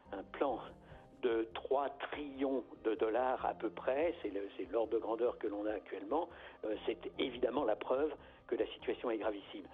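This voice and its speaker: A man interviewed as an expert on the radio, speaking in a measured way with frequent hesitations. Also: medium pitch. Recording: tinny radio broadcast clip.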